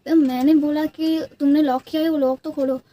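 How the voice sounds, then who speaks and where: A woman's voice: sits high, fairly even intonation, moderate pace, mellow, soft background music. Chatty young woman with Bengali accent. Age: young adult. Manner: chatty, rambling, many restarts and fillers. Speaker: beauty vlogger. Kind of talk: casual storytelling with makeup.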